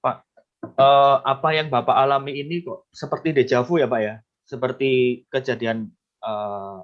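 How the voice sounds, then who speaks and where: A man's voice: mid-range voice, steady tone, measured pace, dull audio. A man interviewing on a live stream, asking questions politely and humming along in agreement.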